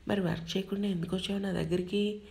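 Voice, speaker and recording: A woman voicing an angry young male boss who scolds and shouts at his assistant. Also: mid-range voice, fairly even intonation, fast, creaky, natural voice. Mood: angry, scolding.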